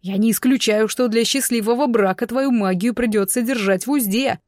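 A woman's voice: a little high, moderate pace, darkish tone, dry recording, studio quality, natural voice. A woman voicing an arrogant, smug young man who mocks and bullies his fiancée. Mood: cold. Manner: mocking, condescending. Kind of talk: audiobook character voice.

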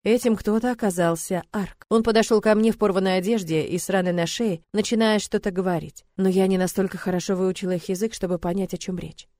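A woman's voice: medium pitch, fairly even intonation, quick pace, few pauses, dark tone, no echo. A young adult woman narrating a first-person story with an emotive, dramatic reading.

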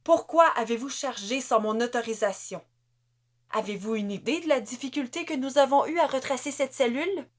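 A woman voicing a fierce, reckless female squad commander who shouts her orders. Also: on the low side, animated, takes it slowly. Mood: shouting orders.

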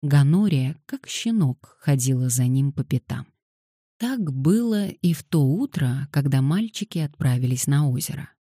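Brief: woman audiobook narrator, deep-set and warm in tone, even wry delivery. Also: measured pace, slightly rough, no echo, clean studio sound.

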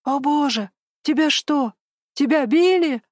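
A woman's voice: a little high, moderate pace, no room sound, clean studio sound, voice pushed up, close to an everyday voice. A woman voicing an anxious, protective older man who speaks with urgent, indignant questions. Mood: alarmed.

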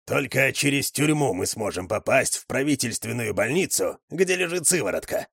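A man's voice: mid-range voice, animated, normal speed, gravelly, a bit bright, breathy edge, dry recording, studio quality, voice pushed up, full character voice. A man voicing a cool, slangy male leader in a storybook who speaks unflappably. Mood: unflappable.

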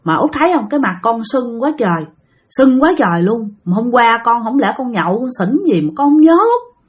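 A woman acting a dazed young woman, soft and bewildered. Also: a little high, sing-song, brisk, husky. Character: dazed young woman, sore and confused after fainting.

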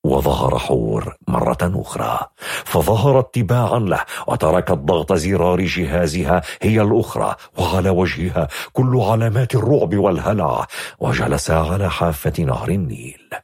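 A male narrator reading a story with an expressive, lively delivery that rises and falls. His voice sits low and is very husky and breathy, recorded dry and close. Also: normal speed, no room sound. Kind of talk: audiobook narration.

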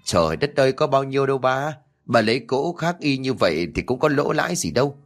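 A man voicing a brash, greedy young male schemer who talks in an excited, wheedling way. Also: medium pitch, normal speed, natural voice. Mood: eager.

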